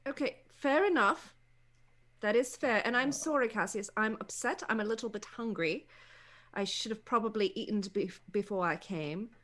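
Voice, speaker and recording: A woman playing a young vampire fledgling in a tabletop game, halting and carefully holding her composure. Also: medium pitch, fairly bright tone, lightly acted. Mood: upset, restrained. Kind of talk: tabletop role-play acting.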